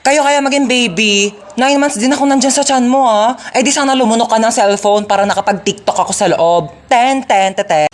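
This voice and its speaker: A woman performing comic skits, playful and swinging between soft asides and loud outbursts. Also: on the high side, fairly quick. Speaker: comedy skit creator. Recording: music playing behind. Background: music.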